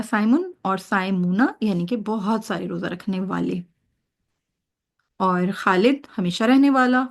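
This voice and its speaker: A woman teaching Arabic grammar, drilling word pairs and checking her students' understanding as she goes. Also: medium pitch. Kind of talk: online grammar lesson.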